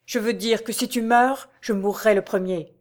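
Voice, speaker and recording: A woman's voice: on the high side, fairly even intonation, moderate pace, lightly acted. Woman voicing a desperate young nobleman. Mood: pleading. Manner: pleading, exclamatory. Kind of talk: audiobook character voice.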